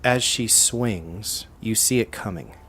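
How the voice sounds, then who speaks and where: A man's voice: lowish voice, takes it slowly, a bit bright, slight background noise. A man narrating as game master of a tabletop game, descriptive and hesitant, with frequent fillers.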